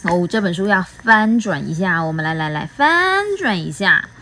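A woman reading a picture book aloud to a child in a gentle, sing-song way, often asking little questions. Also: on the low side, big pitch swings, moderate pace, slight background noise. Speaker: storyteller host.

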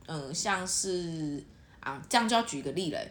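A young woman with a Taiwanese Mandarin accent, co-hosting a podcast in casual chat. She talks in an animated way. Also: normal speed. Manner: animated, acts out quoted lines in a higher voice. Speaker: podcast co-host.

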